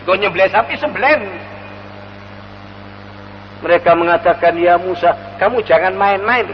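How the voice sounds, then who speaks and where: Male preacher, high voice, long hall reverb, chants verses between storytelling. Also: highs cut off, slight background noise. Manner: animated storyteller, chants Quranic verses slowly. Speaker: Islamic preacher. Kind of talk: sermon storytelling. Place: mosque hall.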